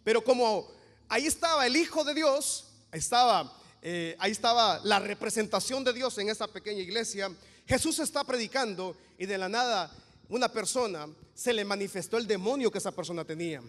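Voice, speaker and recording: A man preaching a Pentecostal sermon as pastor, animated, with joking asides and loud proclamations. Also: sits high, brisk. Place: church. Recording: reverberant church hall.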